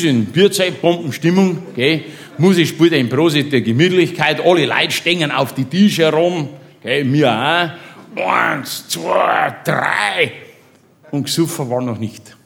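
A man's voice: a little high, lively intonation, unhurried, vocal fry. Rambling Bavarian man telling a tale. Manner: rambling, chummy, keeps asking "gell?". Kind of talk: comic storytelling monologue.

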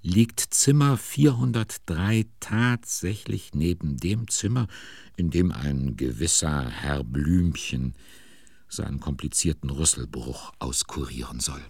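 A man's voice: very deep voice, animated, slow pace, vocal fry, darkish tone, breathy edge, no echo. A man narrating a children's audio drama with a playful, amused manner.

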